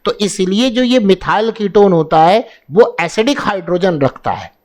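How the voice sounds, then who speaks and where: Hindi-speaking man teaching chemistry, high voice. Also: expressive, normal speed, darkish tone. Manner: asks and answers his own questions, repeating key terms. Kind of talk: exam-prep lesson explaining reactions.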